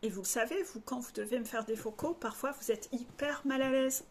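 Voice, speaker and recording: A woman coach from northern France talks straight to her followers in a candid personal monologue. Her voice sits somewhat high, and her tone is frank and confiding. She drops blunt slang into her talk without softening it. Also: fairly quick, a little hiss or hum. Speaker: life coach.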